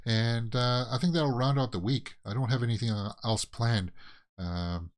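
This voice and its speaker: A man's voice: mid-range voice, moderate pace. A Canadian man hosting a casual movie news show, rambling through headlines with plenty of fillers and restarts. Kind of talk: casual solo commentary.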